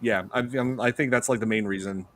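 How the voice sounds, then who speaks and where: A man's voice: medium pitch, fairly even intonation, brisk. A man hosting a horror movie podcast, talking casually and rambling with many hesitations. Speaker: podcast host. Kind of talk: casual chat.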